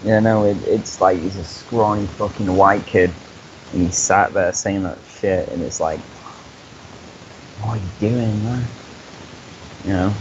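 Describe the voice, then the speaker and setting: A man's voice: deep voice, level tone, normal speed. A young man on a live stream, talking earnestly and profanely, stammering through restarts. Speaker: co-host. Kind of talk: casual chat on a live stream. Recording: dull lo-fi mic with hiss.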